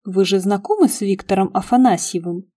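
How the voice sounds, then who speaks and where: A nosy young man who keeps needling his friends with cheerful questions, as a woman reader puts him on. The voice stays mellow and soft-edged, lifted slightly in pitch. It sounds like a storybook audiobook character. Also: fairly quick, no echo, clean studio sound, close to an everyday voice.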